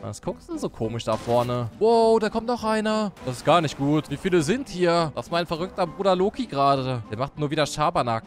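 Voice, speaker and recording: A man's voice: a little high, a little fast, hardly any pauses. A man giving joking Let's Play commentary, playacting a lazy beer-bellied Thor and exclaiming often, with game music behind him. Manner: excitable, frequent "oh, oh" exclamations. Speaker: gaming YouTuber.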